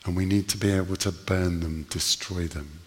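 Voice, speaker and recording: A man preaching a sermon, telling stories earnestly with slow, emphatic pauses. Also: deep voice, steady tone, big-room sound.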